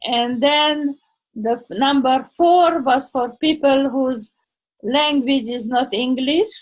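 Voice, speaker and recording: Recorded roughly, an older woman from Transylvania, Hungary, talks in English during a casual video call. A native Hungarian speaker, Toastmasters member and blogger, she sounds slow, halting and high-pitched, searching for words and using non-native grammar.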